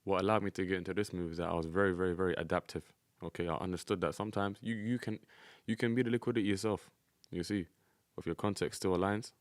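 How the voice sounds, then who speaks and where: Very deep-voiced man, dry close sound. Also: dry recording. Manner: slangy, addressing viewers as guys. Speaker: day trading streamer and teacher. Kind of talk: casual live trading commentary.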